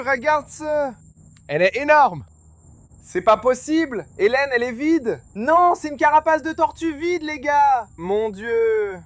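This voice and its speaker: A man hosting a fishing vlog, narrating excitedly and often exclaiming to his viewers. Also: extremely high pitch, no echo. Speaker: vlog host.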